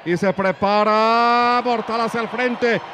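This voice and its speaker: A man with a Mexican Spanish accent giving excited play-by-play as a wrestling commentator. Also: very high voice, takes it slowly. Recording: loud arena crowd noise behind.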